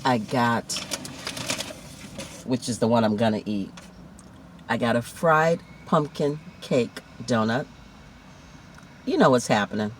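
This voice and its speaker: A man's voice: mid-range voice, slow pace, pauses often, a little hiss or hum. A man chatting casually in a food mukbang vlog, heartfelt and talkative, lingering over each item. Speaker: food vlogger.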